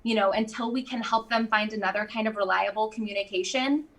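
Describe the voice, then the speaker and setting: A woman guest in casual conversation, chatty and quick to laugh, with lots of fillers. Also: mid-range voice, fairly even intonation, a bit bright. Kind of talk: casual chat.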